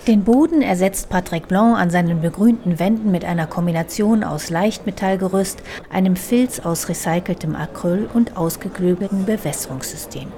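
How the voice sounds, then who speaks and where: A woman reporter giving scripted radio feature narration in a measured, descriptive way. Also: lowish voice, warm tone, slight background noise.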